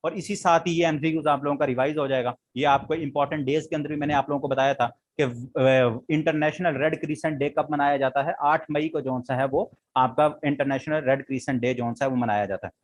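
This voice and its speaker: A man's voice: a little high, steady tone, a little fast, few pauses. A man with a Pakistani Urdu accent teaching a current affairs lesson for exam prep. He repeats key facts and quizzes his students as he goes.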